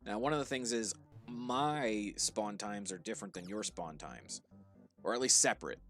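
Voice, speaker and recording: On a livestream, a man whose accent blends New Jersey and Pittsburgh casually walks viewers through a game, relaxed and instructive, often restarting and using fillers. His voice is on the low side at a normal speed, with faint music in the background.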